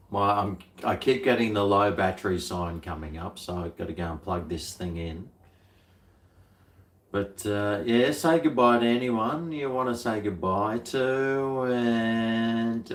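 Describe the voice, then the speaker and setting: A middle-aged man with an Australian accent chatting casually on a livestream, laid-back, blokey and full of slang. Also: medium pitch. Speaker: livestream host. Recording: roomy, echoey sound.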